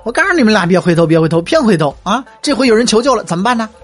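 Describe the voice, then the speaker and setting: A man's voice: very high voice, quick pace, voice pushed up, heavily acted. A man storyteller voicing an angry old officer scolding his two sons. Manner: loud, scolding.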